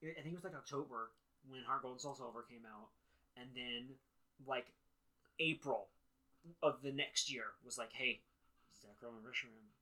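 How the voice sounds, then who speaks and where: A man's voice: medium pitch, normal speed, sharp tone, low-quality recording. A man co-hosting a casual chat, enthusiastic, with frequent laughs and lots of "like". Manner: enthusiastic, laughs often, heavy filler "like". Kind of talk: casual chat about video games.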